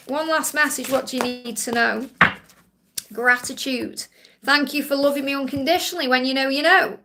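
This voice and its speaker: A woman's voice: sits high, background noise. A woman from Stoke with a Stoke accent, giving live spiritual readings to viewers in a reassuring way and often checking in with a short tag question. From Stoke, England. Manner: reassuring, repeatedly checking with "okay?". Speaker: psychic card reader hosting a live Q&A.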